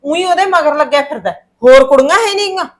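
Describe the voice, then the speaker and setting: A woman's voice: sits high, fast talker, lightly acted. An actress playing a worried middle-aged mother who insists her son settle his marriage, in a short film drama.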